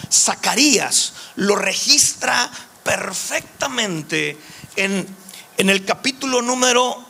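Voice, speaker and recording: High, gravelly man teaching scripture. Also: bright, forceful tone. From Mexico. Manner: emphatic, addresses listeners directly. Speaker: Bible study teacher. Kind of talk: Bible study teaching.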